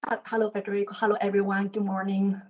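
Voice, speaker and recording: A woman's voice: medium pitch, completely flat delivery, fast. A woman from China, a panel guest, explaining step by step with some fillers. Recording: dull lo-fi sound.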